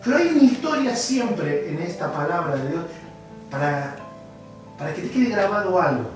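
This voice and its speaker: Animated Cordoban preacher in an echoey hall. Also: male voice, high voice, normal speed. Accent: Cordoban Argentine Spanish. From Córdoba, Argentina. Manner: animated storyteller, jokes with the congregation, bursts into shouts. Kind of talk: sermon. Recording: echoey hall from a distant mic, faint music.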